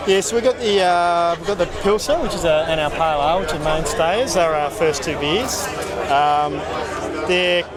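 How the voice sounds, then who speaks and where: Blokey Australian man over loud festival crowd. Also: a little high, normal speed. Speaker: craft brewer being interviewed. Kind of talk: casual chat interview. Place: outdoors at a busy beer festival. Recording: outdoor festival, loud crowd and music behind.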